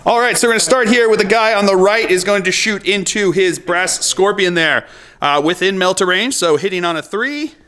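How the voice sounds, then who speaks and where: A man with a high, bright voice talks through a tabletop battle as host, calling out dice results in a loose, casual play-by-play. He laughs often and breaks into excited whoops when the rolls turn. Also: moderate pace. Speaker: host and player.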